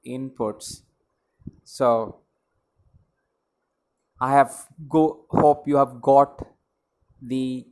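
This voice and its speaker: Middle-aged Indian English male trainer, unhurried, emphatic teaching delivery on a close earphone mic. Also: mid-range voice, poor audio. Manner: slow and emphatic, repeats key words, asks rhetorical questions. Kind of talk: spoken English lesson to camera. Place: small room indoors with a ceiling fan. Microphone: wired earphone mic held near mouth.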